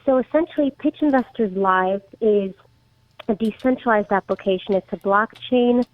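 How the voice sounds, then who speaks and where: A woman's voice: mid-range voice, normal speed. A woman in her thirties, from the Czech Republic, answering interview questions in a hesitant way with frequent restarts. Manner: hesitant, many restarts and fillers. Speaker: startup guest. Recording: tinny phone-like line.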